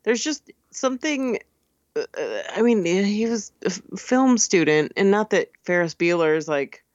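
A woman's voice: medium pitch, big pitch swings, measured pace, no room sound. Chatty film podcast woman, lo-fi. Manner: chatty, laughs often, many fillers. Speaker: podcast co-host. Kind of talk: casual film discussion. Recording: slightly dull lo-fi sound.

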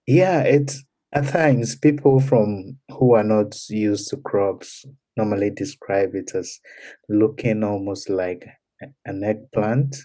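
Slow, low-voiced Ghanaian man. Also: mellow. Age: young adult. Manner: measured, halting with fillers. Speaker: guest. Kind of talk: podcast interview.

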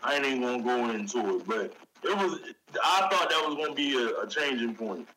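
A man in casual podcast chat with slangy, profane, excitable frat-bro banter. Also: mid-range voice, a little fast, slight background noise, rough recording. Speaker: podcast host. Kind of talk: casual chat about pro wrestling.

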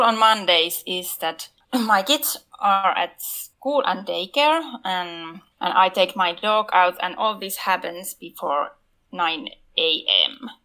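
Finnish lady on a podcast, really slow careful english, bright voice. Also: on the low side, rough recording. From Finland. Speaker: podcast panelist. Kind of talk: casual podcast chat.

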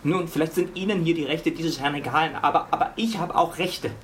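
A woman's voice: low voice, a little fast, a little hiss or hum, natural voice. A woman voicing a nervous, fussy young male witness in a radio play, indignant and anxious. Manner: indignant, jittery, whispers in fear.

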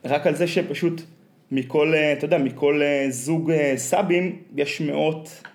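A man's voice: a little high, fairly even intonation, darkish tone. A man with an Israeli accent chatting casually and telling anecdotes in a rambling, colloquial way full of slang fillers.

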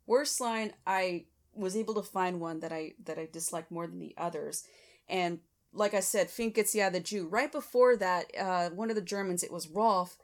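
A woman's voice: fairly low pitch, moderate pace. Woman musing over favorite film lines. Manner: thoughtful, explains her picks, light laughter. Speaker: podcast co-host. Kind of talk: casual film review chat.

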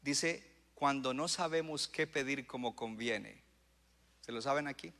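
A male pastor preaching a sermon, surging into loud emphatic bursts and calling out to the congregation. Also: medium pitch, a little slow, creaky. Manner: preaching with rising bursts of emphasis and audience call-outs. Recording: long hall reverb.

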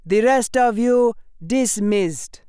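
Male actor as a loud, stern military commander who barks orders in a raised voice. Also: very high voice, takes it slowly, clean tone, no room sound, clean studio sound, voice pushed up.

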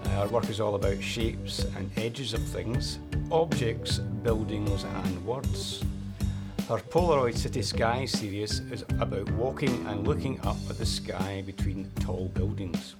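A man's voice: on the low side, a little slow. A man hosting a chat show, reading an enthusiastic, slightly hesitant introduction. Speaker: podcast host. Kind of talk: scripted introduction. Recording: with loud guitar music behind.

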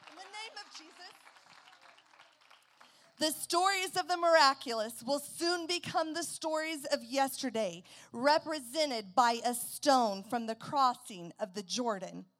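Slow, high-voiced woman preaching a fiery sermon. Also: some chatter behind. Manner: declaiming a war-like declaration, slow and emphatic, rising to loud shouts. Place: church service.

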